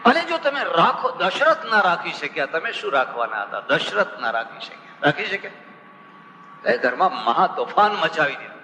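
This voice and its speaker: Bright-voiced monk preaching in an echoey hall. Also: male voice, sits high, very animated, a little hiss or hum. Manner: humorous storytelling with rhetorical questions; chants scriptural verses slowly. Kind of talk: spiritual discourse on scripture. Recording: reverberant hall with faint ambience.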